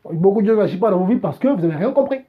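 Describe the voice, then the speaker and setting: A man's voice: high-pitched, animated, rapid-fire, slightly rough, narrow, tinny audio. A man preaching live on a stream and answering chat questions in a direct, exhorting, repetitive way. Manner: exhorting, repetitive, keeps saying "voilà".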